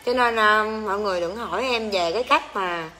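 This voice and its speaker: This livestream seller and host speaks with a Southern Vietnamese accent, in a medium-pitched, brisk, sharp-toned voice. She rants to her viewers casually, in a crude, exclamatory, rambling manner.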